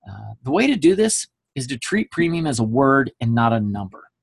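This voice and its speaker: This man's husky, medium-pitched voice swings widely in pitch, with vocal fry, at a normal speed. He delivers a recorded sales training talk in an emphatic coaching style, regularly pausing to ask his listeners "okay?"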